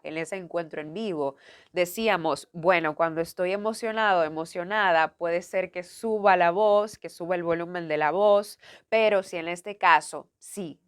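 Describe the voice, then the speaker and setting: Clear-voiced woman giving a recorded lecture. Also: on the low side. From Dominican Republic. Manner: clear, didactic, addresses students directly. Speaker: university lecturer.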